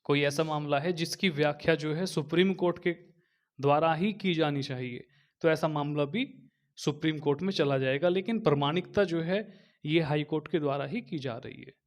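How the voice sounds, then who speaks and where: A man delivers an exam-prep lecture in a voice pitched a little above the usual. He moves step by step, repeats key phrases and pauses as though writing notes for his students. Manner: slow and repetitive, dictating notes while writing; explains step by step, with frequent fillers. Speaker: teacher.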